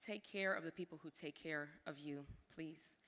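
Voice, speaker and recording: A woman's voice: sits low, normal speed, fairly bright tone. A woman giving a heartfelt, emotional thank-you speech at a formal gala, with casual asides to the crowd. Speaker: former cultural center director giving a thank-you speech. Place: large hall at a formal gala. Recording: long hall reverb.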